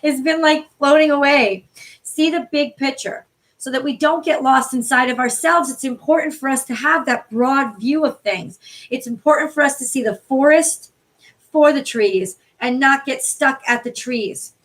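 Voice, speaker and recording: A hoarse-voiced woman from the New York City area hosts a casual tarot livestream, reading cards for viewers, greeting them by name and swearing freely. Her voice sits high and is fairly bright in tone, and she chats at a moderate pace.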